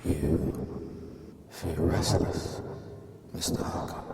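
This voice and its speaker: A man playing a menacing, courtly vampire count in a radio drama, formal and drawn-out, sometimes hushed and commanding. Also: low-pitched, steady tone, vocal fry, full character voice. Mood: quiet menace. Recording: very noisy recording with clicks.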